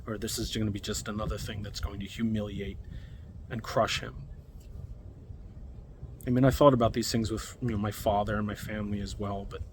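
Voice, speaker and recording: A man in his thirties from Long Island, New York, telling a personal story in a reflective, halting way with many fillers. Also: fairly low pitch, little pitch movement, a little hiss or hum.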